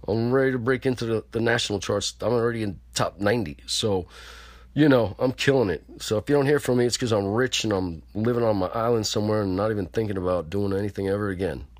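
A man's voice: on the low side, fast, dry recording. A man hosting his own podcast, rambling through a crude, mock-boastful comedic monologue. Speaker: podcast host.

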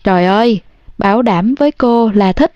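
A woman's voice: mid-range voice, moderate pace, no room sound, lightly acted. A woman voicing a simple-minded giant of a man who pleads in a childlike way, on a dull, dry recording. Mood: wistful.

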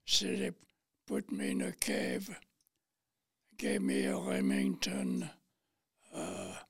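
This very old Frenchman from Paris, in his nineties, is a war veteran telling stories from his life as an interview guest, slowly and haltingly in non-native English. His cracked, gravelly voice is raspy, thin and breathy, with a rumbling low quality. Studio-quality audio, dry with no room sound.

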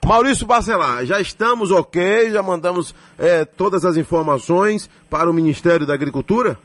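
A man's voice: high-pitched, normal speed, a bit bright, no room sound. A man hosting a live radio news interview in an emphatic, conversational way. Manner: emphatic, reads out notices with spoken punctuation. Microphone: close studio radio microphone.

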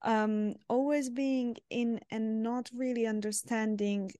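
A woman from Serbia hosting a psychotherapy podcast interview, speaking in a measured way while searching for words. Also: on the high side, steady tone, warm tone, clear, resonant tone, no room sound, studio quality. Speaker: podcast host, therapist. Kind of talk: interview conversation.

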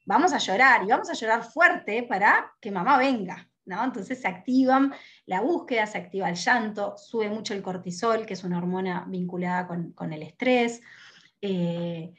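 A woman's voice: medium pitch, moderate pace. A woman, a lactation educator giving an earnest teaching talk and often ending points with a questioning tag. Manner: earnest, steady explaining, frequent questioning tags.

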